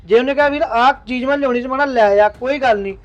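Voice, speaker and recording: A man's voice: very high voice, rapid-fire, lo-fi sound. A man playing a weary, dutiful elder brother. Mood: aggrieved. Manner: aggrieved, then resigned. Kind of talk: Punjabi web drama acting.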